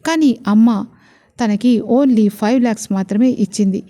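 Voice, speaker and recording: A playful young husband from a storybook romance, teasing and lively, pitched fairly high, as a woman narrator voices him. His words come quick and bouncy, with a charming grin behind the banter. His tone stays light and mellow. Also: close to an everyday voice.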